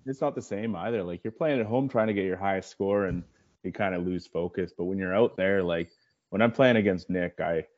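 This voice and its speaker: Easygoing guy on a podcast, deep mellow voice, muffled audio. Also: brisk. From Canada. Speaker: guest, league co-organizer. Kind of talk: casual chat. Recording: dull remote audio.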